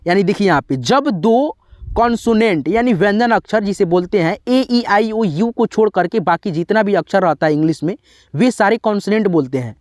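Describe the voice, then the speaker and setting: A man's voice: high-pitched, expressive, moderate pace, darkish tone, no room sound, studio quality. A man, teaching English pronunciation rules as a channel host. He often repeats himself and answers his own questions. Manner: repetitive, asks and answers his own questions, frequent "theek hai". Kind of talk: classroom explanation.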